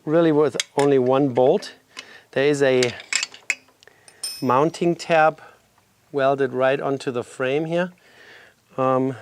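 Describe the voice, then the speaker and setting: A middle-aged man, congested from a cold, hosts a casual garage video, explaining motorcycle work step by step as he does it in his home garage. His voice is mid-range with vocal fry, and there's a little hiss or hum in the recording.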